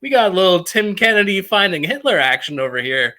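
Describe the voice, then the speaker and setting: A man's voice: high voice, sing-song, brisk, sharp tone. A man co-hosting a sports picks podcast in casual chat, joking and teasing the others. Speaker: podcast co-host.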